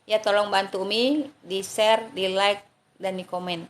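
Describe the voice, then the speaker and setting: An Indonesian woman leads a live religious talk and answers viewers' questions with an affectionate, motherly manner. She thanks people by name, calls them darling, and now and then chants short Arabic prayers. Her voice sits at an ordinary middle pitch. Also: steady tone, unhurried, a little hiss or hum.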